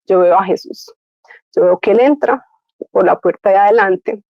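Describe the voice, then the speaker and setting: A woman giving a personal faith testimony, telling it as a lively story and acting out what she and others said. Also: medium pitch, no room sound. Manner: animated storytelling, acts out her own past words. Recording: dry, dull lo-fi sound.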